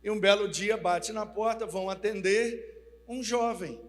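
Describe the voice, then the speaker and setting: Brief: man preacher, folksy and animated, high voice, hall reverb. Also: a little slow. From Minas Gerais, Brazil. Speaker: pastor. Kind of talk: storytelling sermon. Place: large church hall. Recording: reverberant church hall, mains hum.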